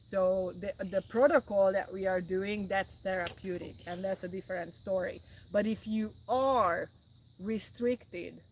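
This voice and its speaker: A woman's voice: mid-range voice, a little slow, slight background noise, poor audio. Earnest woman hosting a wellness chat. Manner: earnest, repetitive, restarts often. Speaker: wellness podcast host. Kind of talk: casual health talk.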